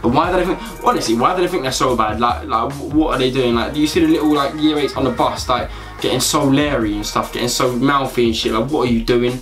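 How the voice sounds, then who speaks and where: A man's voice: medium pitch, quick pace. Young male comedy presenter, London accent, casual slangy rant in a bedroom, music underneath. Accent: London or south-east English. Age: young adult. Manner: animated slangy ranting, emphatic repetition. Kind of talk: casual comedic commentary to camera. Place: small bedroom indoors.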